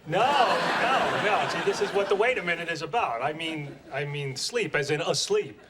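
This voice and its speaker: An actor playing a flustered, sarcastic husband in a sitcom. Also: male voice, fairly high pitch, lively intonation, moderate pace, natural voice. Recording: noisy TV audio.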